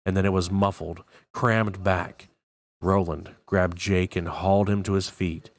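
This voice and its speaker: A man's voice: low voice, steady tone, unhurried, no room sound. A man reading a novel aloud for a book club, in plain narration with occasional self-corrections.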